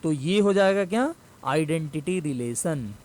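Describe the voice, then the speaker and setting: A man teaching a maths class, explaining step by step, repeating key phrases slowly and answering his own questions. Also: a little high, animated, a little mellow.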